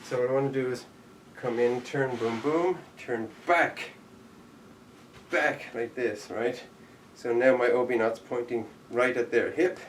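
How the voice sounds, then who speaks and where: During a live online jujitsu class, a man demonstrates each move and counts out the steps in a steady, unhurried voice of ordinary middle pitch. His words bounce around an echoey room, picked up by a camera mic a few steps away over faint background noise.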